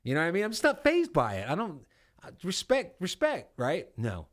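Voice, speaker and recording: With a fairly high, fairly bright voice that swoops wildly in pitch, this man in his forties talks quickly. He's a veteran who hosts a podcast, spinning profane, meandering Army anecdotes in casual conversation and performing the quoted lines.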